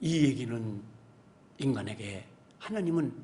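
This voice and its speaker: A male pastor preaching a sermon in a church, telling stories with animated delivery and swelling into emphatic exhortation. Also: medium pitch, a little slow, slight background noise. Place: church sanctuary.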